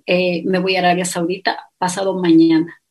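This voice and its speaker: Her voice sits lowish and her pace is moderate. This middle-aged woman, Ecuadorian by accent, shares her life story as an interview guest, earnest and lively, voicing what others once told her.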